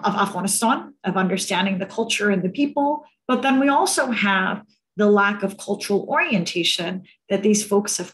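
Over a video-call headset, a guest speaker on cultural competence, a woman in her thirties from the United States, speaks earnestly in a mid-range voice. She frequently tags her sentences with "right?" and fills pauses with "um." The audio is poor.

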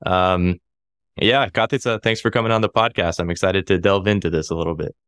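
A man in his thirties hosts a podcast interview, relaxed and chatty, laughing easily. His voice sits very low and sounds smooth and resonant. He is recorded dry and close on a studio mic. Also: a little fast, dry recording. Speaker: podcast host. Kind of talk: casual interview. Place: small home studio, indoors. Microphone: studio mic on boom arm, headphones.

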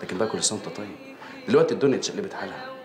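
Slick Egyptian crime boss, male actor, deep-ish, fast talker, roomy scene with score. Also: animated, natural voice. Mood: confident. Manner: casual, confident, streetwise. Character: smooth-talking Egyptian gangster man. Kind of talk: film drama acting. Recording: roomy film scene with music.

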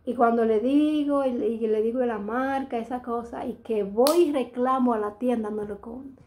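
A middle-aged vlogger with a Dominican accent chats casually to camera, rambling and often restarting her sentences. Her fairly high voice is a little mellow and moves at normal speed, with a slight hiss or hum in the background.

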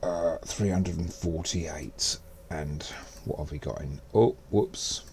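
A man's voice: low voice, slow, darkish tone, a little hiss or hum. A man streaming a space game, chatting casually as he plays and muttering to himself. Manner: muttering to himself while playing. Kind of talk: casual gameplay commentary.

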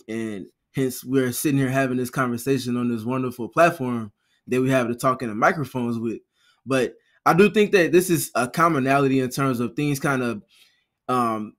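A man guesting on a sports podcast, speaking in a measured, wordy, somewhat formal way. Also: mid-range voice, fairly bright tone. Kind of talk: casual sports podcast chat.

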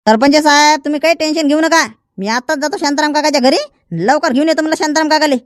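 A woman voicing an eager young village errand boy in a comedy skit, pleading and hurried. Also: high-pitched, steady tone, no echo, clean studio sound, close to an everyday voice. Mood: urging.

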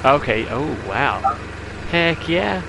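A man chatting casually with his gaming partner during play, excitable and prone to exclamations. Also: fairly high pitch, slow pace, gravelly. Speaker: fellow player. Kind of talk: casual gameplay chat. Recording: loud noisy mic.

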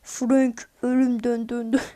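A woman giving excitable live gameplay commentary. She pleads and shouts at the game in repeated bursts and chats to viewers in between. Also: fairly high pitch, slow. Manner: chatty asides to viewers. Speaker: mobile game streamer.

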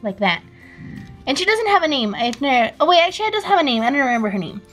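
A woman chatting casually in a vlog, excitable and fretful, gasping as she handles her dolls. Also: sits high, fast talker, soft background music. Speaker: doll vlogger.

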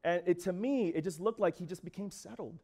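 A man's voice: high voice, fairly quick, a little mellow. A young man giving a sermon as a guest speaker in a church, talking casually with filler words and playful acted asides.

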